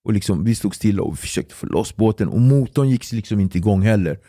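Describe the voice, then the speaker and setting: A man guesting on a podcast, telling a story in a casual, animated way, swearing and acting out what others said. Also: lowish voice, no echo, clean studio sound. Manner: animated, swearing, acts out quotes, laughs through the story.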